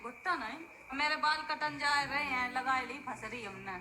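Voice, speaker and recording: High-voiced young woman, joking banter. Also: moderate pace, roomy sound, heavy background noise. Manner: animated, joking rural dialect. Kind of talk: casual banter in a vlog clip.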